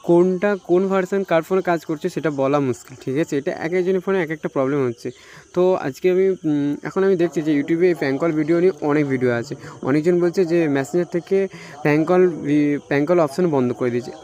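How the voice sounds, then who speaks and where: A fairly high-pitched, slightly mellow male voice belongs to an Indian tech YouTuber with a Bengali accent giving an informal phone tutorial. He tends to repeat himself and regularly adds a checking question to the end of his phrases.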